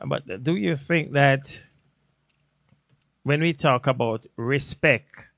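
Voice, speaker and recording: Slow, hesitant man in casual chat. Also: mid-range voice, gravelly, a bit bright, dry recording, clean studio sound. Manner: thoughtful, hesitant, many fillers and restarts. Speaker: co-host. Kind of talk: casual live-stream chat.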